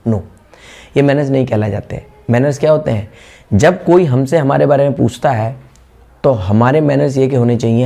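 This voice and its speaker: A man's voice: a little high, darkish tone. A man teaching a spoken English class, explaining step by step and repeating the example phrases. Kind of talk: spoken English lesson in Hindi.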